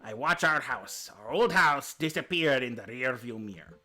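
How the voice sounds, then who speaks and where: A man's voice: mid-range voice, animated, normal speed, sharp tone. A man reading a dating sim aloud on a stream as the dad, with playful joking asides.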